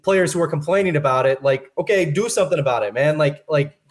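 A man's voice: on the high side, fast talker. A man co-hosting a casual sports podcast, hesitant and full of fillers. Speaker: podcast co-host.

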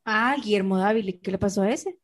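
Woman chiming in, mid-pitch, short comments. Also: quick pace. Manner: short reactive interjections. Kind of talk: casual chat.

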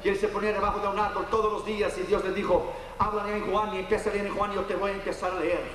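Heard at a distance in an echoing hall with slight background noise, a Portuguese-speaking evangelist preaches very fast in a level tone. His fervent sermon alternates between loud, high climaxes and hushed, low storytelling.

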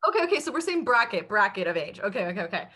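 A twenty-five-year-old woman, a podcast guest in casual chat, animated and self-mocking with quick asides. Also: medium pitch, breathy edge.

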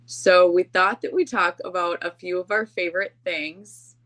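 A woman's voice: on the low side, fairly even intonation, normal speed, fairly bright tone. A woman co-hosting a podcast in casual chat, talking in an informal, chatty, self-deprecating way. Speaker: podcast co-host.

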